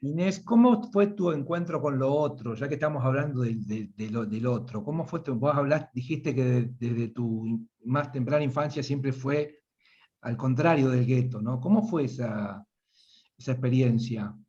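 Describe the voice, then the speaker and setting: A man's voice: mid-range voice, normal speed, a little mellow, highs cut off. A man with an Argentine accent hosting a live online panel, reading out audience comments and often repeating words as he searches for them. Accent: Argentine Spanish. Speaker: host and moderator.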